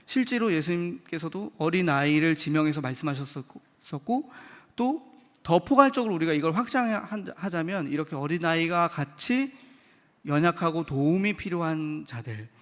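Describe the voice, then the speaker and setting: A licensed preacher, his voice on the high side and moving at a moderate pace, gives a conversational Wednesday evening sermon in a church sanctuary. He poses questions to the congregation and performs short quoted lines in lively voices. The recording carries a long hall reverb.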